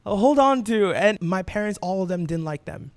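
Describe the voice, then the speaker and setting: A man's voice: high-pitched, expressive, moderate pace, dry recording. A man in his late twenties, a podcast guest, telling a painful family story in a candid way, often repeating and restarting his words. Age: 20s. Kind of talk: emotional personal storytelling.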